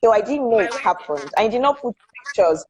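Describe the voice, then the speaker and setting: A Nigerian woman hosting a casual live-stream interview over a video call, chatty and slowing down as she reads out viewers' names. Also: on the high side, very animated, background noise. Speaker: host.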